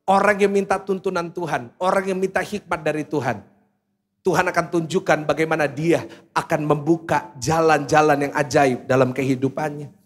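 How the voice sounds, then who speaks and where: High-voiced lively male pastor. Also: normal speed. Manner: lively, acts out quoted voices, asks the congregation. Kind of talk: sermon.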